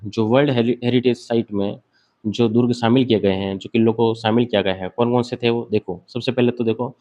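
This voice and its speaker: A man's voice: mid-range voice, a little mellow, muffled recording. A man giving an exam-prep lecture, asking questions and answering them himself while he sketches on a board. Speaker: teacher.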